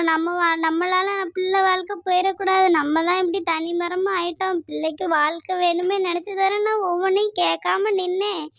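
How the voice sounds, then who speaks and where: A woman plays a cartoon village mother with a strikingly high, thin voice. She pleads and laments in long sing-song complaints. The recording is dry and close. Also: fairly bright tone, dry recording. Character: grieving village mother, middle-aged woman, gentle and long-suffering. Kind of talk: cartoon voice acting.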